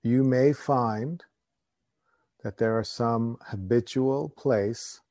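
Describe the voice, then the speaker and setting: Slow, calm man guiding a meditation. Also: medium pitch, no echo, clean studio sound. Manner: slow, calm and soothing, with long pauses. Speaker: meditation teacher. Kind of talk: guided meditation.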